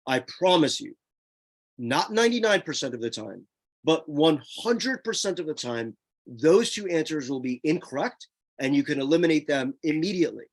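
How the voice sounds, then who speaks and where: Animated husky-voiced male tutor. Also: on the high side, moderate pace. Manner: emphatic, repeats points, addresses students directly. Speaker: test prep tutor. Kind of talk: screen-share lesson.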